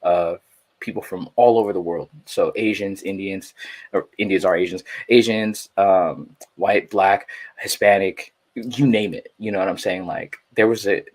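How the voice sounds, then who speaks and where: Deep-voiced, laid-back male podcast guest. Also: fairly even intonation, measured pace. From Philippines, raised in San Jose, California. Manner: laid-back, easygoing, full of fillers like "you know what I'm saying". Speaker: podcast guest, artist and musician. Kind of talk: casual conversation.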